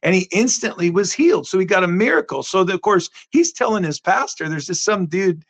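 A man who is a guest minister, telling stories in a lively conversational way, with many restarts and acted-out quotes. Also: high-pitched, brisk. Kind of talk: conversational storytelling.

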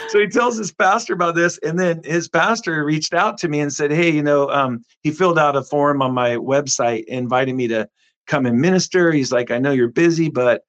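A man who is a guest minister, telling stories in a lively conversational way, with many restarts and acted-out quotes. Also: fairly high pitch, normal speed. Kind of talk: conversational storytelling.

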